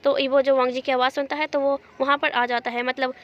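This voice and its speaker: A woman's voice: high voice, flat delivery, a little fast, fairly bright tone. A woman narrating her own fan fiction in a chatty, explaining storytelling manner. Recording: dull lo-fi.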